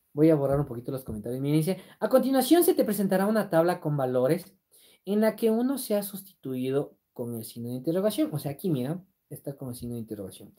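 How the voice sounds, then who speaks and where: Lively woman teaching math. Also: low voice. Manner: explains step by step, keeps checking in with "¿sí?"; reads viewer comments aloud and answers them. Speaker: math exam-prep teacher. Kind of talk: live-streamed lesson.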